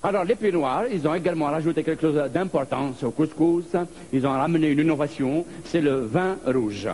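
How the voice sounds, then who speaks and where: A man from Algeria performing a stand-up comedy monologue, telling stories in a lively way. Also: fairly high pitch, brisk. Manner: lively storytelling with put-on voices.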